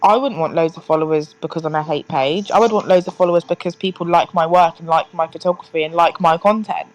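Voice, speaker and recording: A woman's voice: lowish voice, steady tone, quick pace, low-quality recording. A woman co-hosting a podcast in casual chat, chatty and earnest. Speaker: podcast co-host.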